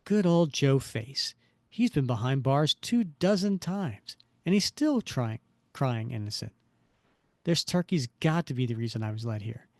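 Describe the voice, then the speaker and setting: A man's voice: medium pitch, expressive, a little slow, darkish tone, no echo, clean studio sound. A man voicing a wisecracking young male superhero, with a sardonic, joking inner monologue.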